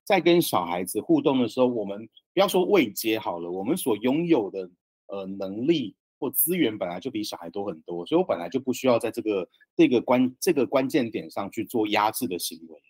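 A man, a communication coach, explaining ideas in a calm, measured way during a podcast interview. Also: fairly low pitch, breathy edge, no room sound.

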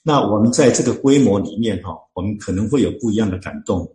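Speaking with lively intonation in a low, darkish voice, a Chinese-speaking deacon based in Canada earnestly explains scripture during an interview. He often stalls on long fillers and restarts phrases while gathering his thoughts. Noticeable echo fills the recording.

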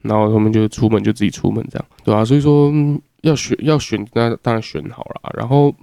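A man's voice: lowish voice, steady tone, quick pace, creaky, warm tone, clean tone, no room sound, clean studio sound. A young man from Taiwan telling a crude, rambling casual story as a podcast host, swearing often.

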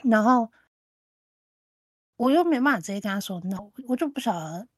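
A woman's voice: a little high, moderate pace, no room sound. Woman telling a story, dry sound. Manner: lively storyteller who acts out the other person's lines. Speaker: podcast co-host. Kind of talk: casual chat, storytelling.

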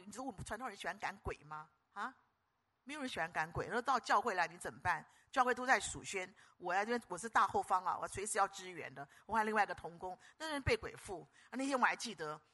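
An older woman preaching a sermon, moving between hushed storytelling and loud, rousing calls to the congregation. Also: medium pitch, husky. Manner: animated, swings from hushed storytelling to loud exhortation.

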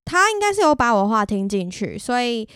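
Her voice is a little high, very animated and brisk, with a slightly bright, clear, resonant tone. The Taiwanese-accented podcast host tells a personal story in a candid, self-deprecating, chatty way. The studio recording is dry.

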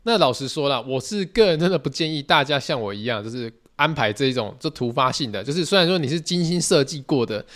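Taiwanese guy in his 30s doing a solo podcast, chatty and lively, talks really quick, mid-pitch voice. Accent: Taiwanese Mandarin. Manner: chatty, animated storyteller. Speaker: podcast host.

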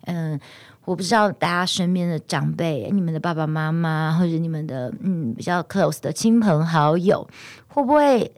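A woman hosting a podcast alone, with a hoarse voice and a Taiwanese Mandarin accent, telling a story with indignant, animated energy. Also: deep voice, moderate pace, no echo. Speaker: podcast host. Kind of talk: casual podcast monologue.

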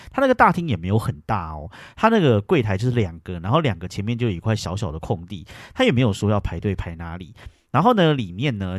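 Brief: male podcast host, rapid lively storytelling on a dry close mic. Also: fairly low pitch, no room sound. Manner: animated, retells arguments with bursts of loud indignation. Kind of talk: casual storytelling.

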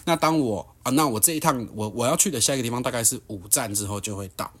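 A man's voice: medium pitch, quick pace, a bit bright, slightly rough. A young man with a Taiwanese Mandarin accent, a podcast host telling a heated story and ranting bluntly. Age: young adult.

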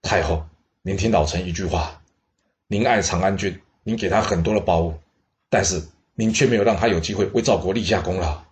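A man voicing an elderly court minister who speaks slowly, politely and persuasively. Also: low-pitched, natural voice. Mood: coaxing.

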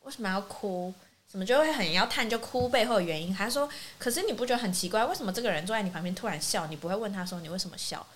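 Woman co-host, quick animated storyteller, faint hiss. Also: mid-range voice. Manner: lively storytelling, acts out quoted friends. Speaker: podcast co-host. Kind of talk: casual chat.

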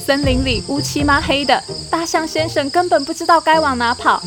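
A woman host reading a picture book aloud to children, in a gentle, coaxing manner. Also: high voice, brisk, loud music behind the voice. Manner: gentle, coaxing, addressing kids.

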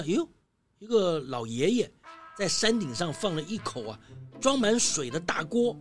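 Lively woman telling a children's story. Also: mid-range voice. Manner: lively, exclaiming, full of fillers like 哎呦. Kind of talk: animated children's story narration.

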